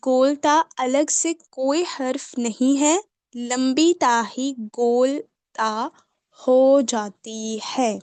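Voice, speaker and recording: A woman's voice: high-pitched, fairly even intonation, darkish tone, smooth, no room sound. A woman with a Pakistani Urdu accent helping run an online class, calling on students by name, asking short questions and summing up the lesson. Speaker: class assistant teacher.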